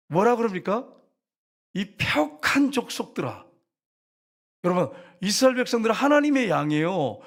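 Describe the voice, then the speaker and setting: A middle-aged male pastor preaches in a church, speaking directly to his congregation. His voice sits a little high and rises and falls a great deal. He slips into quoted lines and acts them out. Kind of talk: sermon. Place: church sanctuary.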